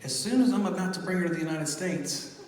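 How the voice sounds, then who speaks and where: A man's voice: high-pitched, fast. Man telling a story in a church hall. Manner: animated storyteller, drops to a hushed voice. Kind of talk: storytelling between songs at a concert. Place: large church hall with an audience. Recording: echoey church hall, crowd reacting. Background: audience responses.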